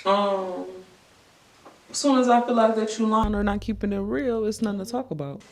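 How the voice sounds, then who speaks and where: A woman's voice: medium pitch, normal speed. A woman in her twenties, a podcast guest, talking casually and bluntly with sassy emphasis. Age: 20s. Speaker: guest, host's cousin. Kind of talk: casual chat. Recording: roomy room, mic at a distance.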